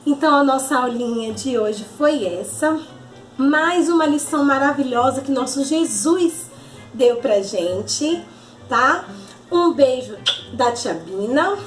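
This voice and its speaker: A woman, telling a Bible story to children in a slow, animated way. Her voice sits high, and the recording sounds roomy with faint music in the background. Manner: animated, affectionate, addressing children directly. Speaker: children's Sunday school teacher.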